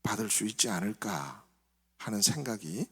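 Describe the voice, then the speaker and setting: A male pastor giving a sermon in a reflective, soft-spoken way, his phrases trailing off quieter. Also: fairly low pitch, big pitch swings, moderate pace, slightly rough. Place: church sanctuary. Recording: reverberant church hall.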